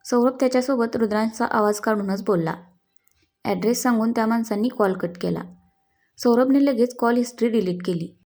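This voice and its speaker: Brief: female storyteller, slow calm narration, mellow tone. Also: a little high. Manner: slow, calm, even reading.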